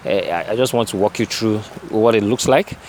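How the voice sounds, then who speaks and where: Outdoors near a bridge, a man with a Nigerian accent gives a hesitant, unscripted field report and interview, slipping into Nigerian Pidgin. His voice is lowish at a moderate pace, with faint street and vehicle noise around him.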